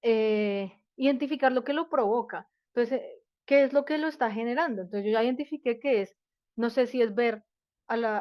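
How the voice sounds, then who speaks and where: In a fairly high-pitched voice, a woman presents a parenting workshop live online, breaking things down stepwise. She often poses rhetorical questions and leans on fillers. The recording is dry, dull and lo-fi.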